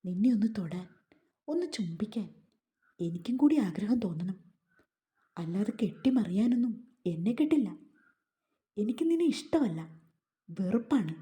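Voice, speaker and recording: A woman's voice: medium pitch, warm tone, lightly acted. A woman voicing a cruel, resentful young husband who speaks in a harsh, taunting, menacing way.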